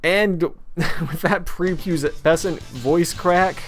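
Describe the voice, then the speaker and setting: A man's voice: on the high side, extremely slow. A young man giving casual let's play commentary in a sarcastic, rambling, jokey way. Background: video game music.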